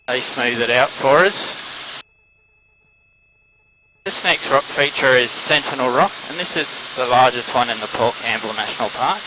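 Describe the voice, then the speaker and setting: A man's voice: medium pitch, moderate pace. A man gives informative sightseeing commentary as a helicopter pilot and tour guide, pointing out landmarks. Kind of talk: tour commentary over a headset. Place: inside a flying helicopter. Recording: loud helicopter engine noise over intercom.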